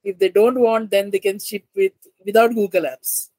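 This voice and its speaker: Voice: medium pitch, fairly even intonation, moderate pace, darkish tone, dry recording. A co-host on a casual tech podcast, explaining product details with some hedging.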